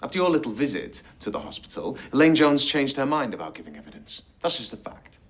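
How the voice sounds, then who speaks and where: Relentless barrister with swooping pitch. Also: male voice, very animated. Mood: pointed accusing. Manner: measured, pointed rhetorical questioning. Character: relentless, accusing male prosecuting barrister. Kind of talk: TV soap courtroom acting.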